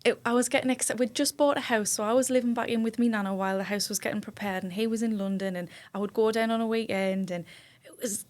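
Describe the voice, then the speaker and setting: A woman's voice: fairly high pitch, fairly even intonation, fast, hardly any pauses, darkish tone. A woman guest on a podcast, telling a personal story with vivid feeling and acting out what people said. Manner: emotional, vivid retelling with quoted dialogue. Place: indoor studio room.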